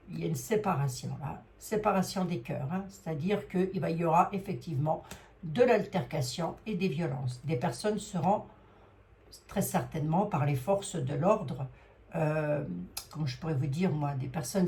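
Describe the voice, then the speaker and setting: A middle-aged psychic with a Lorraine French accent gives a live card reading, her rather low voice darkish in tone. She reads the cards aloud in a rambling, hesitant way, full of fillers like "hein." A faint hiss of background noise sits under the recording.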